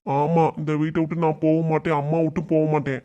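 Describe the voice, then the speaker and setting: Brief: cartoon son, whiny and mother-dependent, brisk complaints, voiced by a man. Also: a little high, flat delivery, dark tone, muffled recording, natural voice. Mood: complaining. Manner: complaining, quick.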